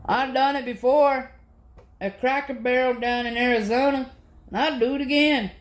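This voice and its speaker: A man's voice: extremely high pitch, steady tone, normal speed. A man vlogging in a casual, rambling monologue, swearing constantly as he rants about his grievances. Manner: profane, rambling, aggrieved ranting. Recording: echoey room.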